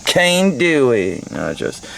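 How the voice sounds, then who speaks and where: Medium-pitched and gravelly, with a slow, sing-song delivery, an American man in his thirties rambles through a casual book report, quoting bits and cursing freely. He records handheld at arm's length inside a parked car, crude and scattered, with a little background noise.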